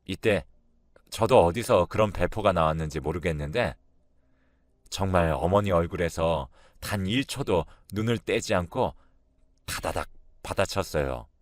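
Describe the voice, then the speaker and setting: A man reading out a first-person story, retelling it in an expressive, emotional way. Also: low voice, unhurried, no echo. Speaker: story narrator.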